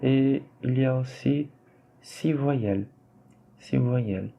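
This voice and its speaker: Slow, gravelly man teaching French. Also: mid-range voice, warm tone, slight background noise. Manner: slow and patient, repeats words for drilling. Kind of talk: classroom explanation while writing on screen.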